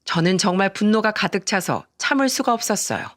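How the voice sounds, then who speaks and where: A man's voice: high-pitched, expressive, brisk, a bit bright, dry recording, studio quality. Indignant man narrating a story. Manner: indignant, emphatic. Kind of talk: dramatic first-person story narration.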